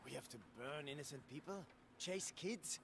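An actor voicing a weary male guard in a video game, grumbling in a low, disillusioned way about his orders. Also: moderate pace, vocal fry, background noise.

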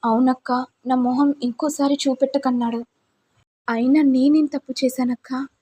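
A woman's voice: sits high, fairly even intonation, moderate pace, mellow, husky. A woman doing a meek, heartbroken young wife. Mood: sorrowful. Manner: pleading, sorrowful.

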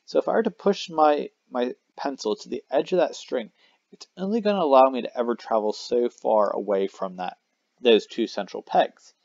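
Male math teacher, casual whiteboard explainer, gravelly voice, dry lo-fi mic. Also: mid-range voice, normal speed, a little mellow, no echo. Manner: casual, self-correcting explanation with fillers. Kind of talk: recorded math lesson at a whiteboard. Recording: dry, slightly dull lo-fi mic.

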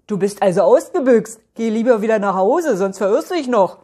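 Woman reads male storybook horse, brisk and cautioning, breathy. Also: fairly high pitch, animated, mellow. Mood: warning.

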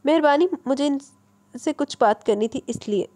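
A woman's voice: high-pitched, warm tone, voice pushed up, natural voice. A woman voicing a shy young bride who stammers and answers bashfully in an audiobook reading. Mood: flustered.

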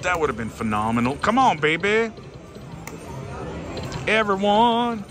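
Animated high-pitched man playing slots. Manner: theatrical, addresses viewers, repeats phrases pleadingly. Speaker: slot machine gambling vlogger. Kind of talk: casual excited commentary while gambling. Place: busy casino floor at a slot machine. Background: slot machine music.

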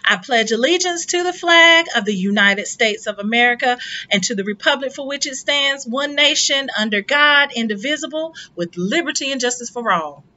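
A woman's voice: fairly high pitch, highs cut off. A woman, an assistant principal, reading upbeat, encouraging school morning announcements over the intercom. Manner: upbeat, encouraging, warm sign-offs.

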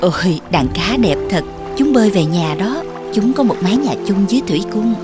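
A woman voicing a gentle mother queen in a cartoon. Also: medium pitch, expressive, moderate pace, loud music behind the voice, voice pushed down, natural voice.

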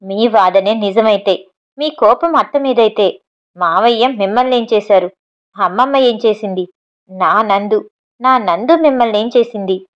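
A woman's voice: medium pitch, a little slow, muffled recording, close to an everyday voice. A woman voicing an angry grown son. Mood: accusing. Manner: accusing, heated. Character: angry grown son confronting his father.

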